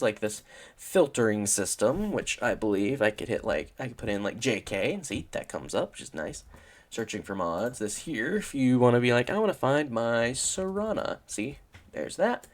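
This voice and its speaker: A man giving a casual, rambling screen-recorded tutorial, self-deprecating and acting out his own inner questions, his voice tiring toward failing. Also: medium pitch. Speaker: modding tutorial presenter.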